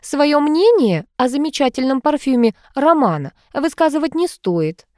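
A stern, proper matriarch, read by a woman narrator in an audiobook, who speaks formally and scolds politely. The voice is high and animated. The recording is dry. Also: moderate pace, no room sound. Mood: reproving. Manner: formal, reproving. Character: stern, proper older mother of the house.

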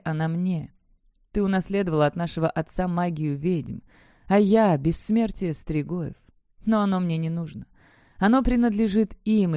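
A woman voicing a gentle young man saying farewell to his sister, in an audiobook reading, soft-spoken and earnest. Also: lowish voice, no echo, lightly acted.

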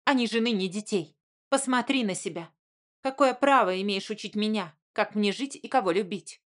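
Casting: woman voicing an enraged weepy young sister, shrill, audiobook. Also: normal speed, close to an everyday voice. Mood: accusing. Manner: shrill, sobbing outbursts.

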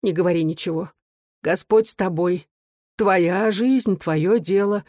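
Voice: medium pitch, unhurried, darkish tone, no room sound, clean studio sound, close to an everyday voice. A narrator voicing an aging working-class mother who pleads in a raised, trembling voice. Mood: pleading. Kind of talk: audiobook character reading.

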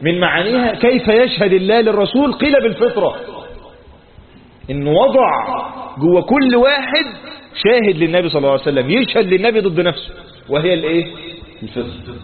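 A man's voice: high-pitched, animated, quick pace, long pauses. Egyptian man teaching Quran commentary, tinny audio. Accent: Egyptian Arabic. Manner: explains with questions he answers himself, mixing recited verses with colloquial talk.

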